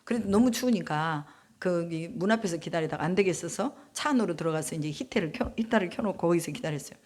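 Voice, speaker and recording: A woman's voice: fairly low pitch, animated, fast, a little mellow. A woman preaching a sermon in a conversational way, asking the congregation questions and acting out prayers. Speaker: missionary preacher.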